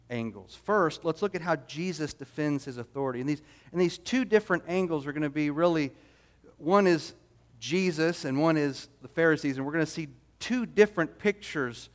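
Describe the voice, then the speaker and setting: A man's voice: medium pitch, smooth. A man preaching a sermon as a pastor, explaining scripture in an emphatic, expository way.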